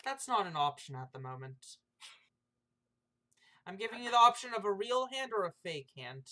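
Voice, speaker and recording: An excitable tabletop player with a medium-pitched voice. The player talks in quick bursts, stammers and restarts, and slips into sarcasm. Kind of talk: tabletop game play.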